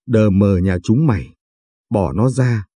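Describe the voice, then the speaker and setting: A man's voice: fairly low pitch, expressive, slow pace, dark tone, breathy edge, no echo, full character voice. A man voicing a tough, foul-mouthed young woman who scolds and threatens, in an audiobook reading. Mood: threatening. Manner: coarse, threatening, bossy.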